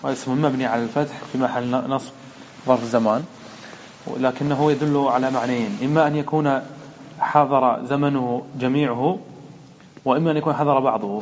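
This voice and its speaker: A man's voice: medium pitch, muffled recording, slight background noise. A man, a sheikh, teaching a grammar lesson in a methodical way, asking and answering his own questions.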